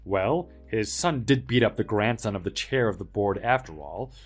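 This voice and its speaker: An actor playing a polite, helpful young office worker with quiet backbone, speaking in an earnest, measured way in a dramatized story. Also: male voice, lowish voice, husky, soft background music. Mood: calm, smug.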